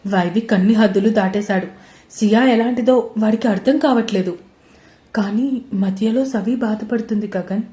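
A woman's voice: medium pitch, moderate pace, mellow, natural voice. A woman voicing a loyal, concerned young woman friend who explains earnestly, in a roomy-sounding recording. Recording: roomy echo.

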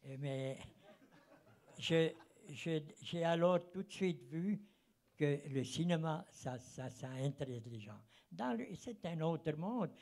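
A man's voice: fairly high pitch, lively intonation, slow, vocal fry, darkish tone. A man in his eighties with a foreign Swiss German accent in his French, rambling and searching for words as he reminisces into a handheld microphone. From German-speaking Fribourg countryside, Switzerland. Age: 80s. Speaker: audience member, former travelling cinema operator. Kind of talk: reminiscing at a public round table. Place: seated in a cinema auditorium.

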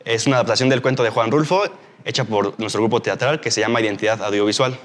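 A man's voice: mid-range voice, quick pace. A young man, the student director of a play, speaking earnestly and upbeat about his theater group. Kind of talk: casual interview. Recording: reverberant hall.

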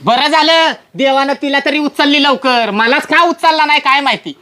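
A woman's voice: sits high, moderate pace, bright, forceful tone. A woman playing an angry middle-aged village father who scolds his daughter indignantly. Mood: scolding. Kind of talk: comedy sketch acting.

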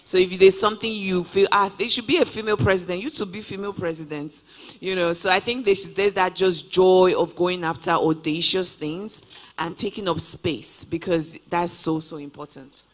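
On stage in a large auditorium, a twentysomething woman who is a guest traveler responds to an interviewer through a handheld microphone. She has a lowish voice with fairly even intonation and a moderate pace, sounding casual and upbeat and leaning on "you know" a lot.

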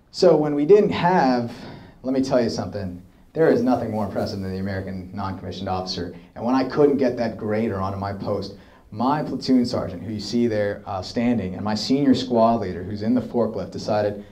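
A young man in his twenties, an army officer, telling lively stories to an audience and acting out quoted dialogue. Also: lowish voice, highs cut off. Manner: lively anecdotal storytelling, acts out quoted dialogue. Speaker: army officer giving a talk. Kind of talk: storytelling talk to an audience. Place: hall with audience, showing slides.

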